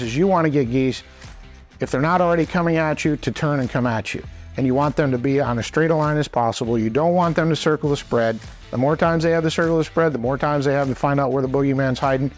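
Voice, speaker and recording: Folksy middle-aged man teaching over music. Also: on the high side. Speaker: instructor and presenter. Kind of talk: informal instructional talk to camera. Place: small indoor wooden workshop.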